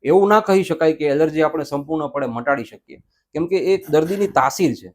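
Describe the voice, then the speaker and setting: A male ENT doctor explains conditions at a steady, measured pace. His voice sits a little higher than most men's. He mixes English medical words into his explanations. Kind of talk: medical interview answers.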